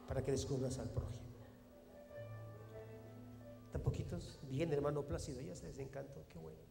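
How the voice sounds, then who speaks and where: A man preaching a sermon as pastor, animated and emphatic, often quoting others. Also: mid-range voice, normal speed, vocal fry. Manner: animated, preaching with rising emphatic phrases and acted quotes. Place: church hall. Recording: long hall reverb with faint music.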